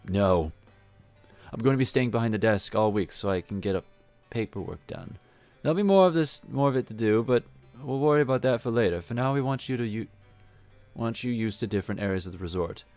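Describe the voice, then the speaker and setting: A man's voice: lowish voice, lively intonation, a little fast, pauses often, darkish tone, soft background music. A man voicing a young female resort supervisor who explains duties in a matter-of-fact way. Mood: brisk.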